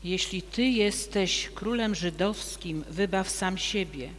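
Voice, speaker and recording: A man reading the crowd at the cross, high voice. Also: a bit bright. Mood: scoffing. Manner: slow, measured reading. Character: onlookers at the cross: scoffing rulers, soldiers, thieves, centurion. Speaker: reader of the Passion. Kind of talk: liturgical reading. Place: church. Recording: long church reverb, faint hum.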